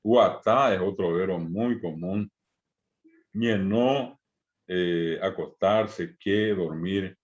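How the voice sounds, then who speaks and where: A man with a Paraguayan Spanish accent, teaching a language class, who speaks patiently and repeats words slowly for his learners. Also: sits low. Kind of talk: online language lesson. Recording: dull lo-fi audio.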